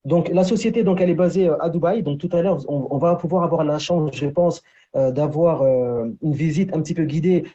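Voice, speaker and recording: A man's voice: on the high side, brisk, warm tone, muffled recording. A man presenting a business opportunity on a video call, talking in a loose way with many fillers, checking in with "d'accord". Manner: repeats "d'accord" and "entre guillemets", many fillers. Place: Paris.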